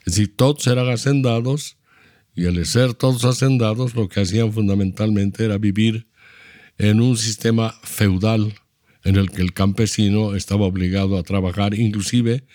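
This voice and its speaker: A very low-pitched man in his seventies speaks with a Bolivian Spanish accent. He explains things at length in a measured, lecturing manner. The recording is close and dry. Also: fairly even intonation, mellow, dry recording. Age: 70s. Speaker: interview guest, architect. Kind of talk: reflective storytelling.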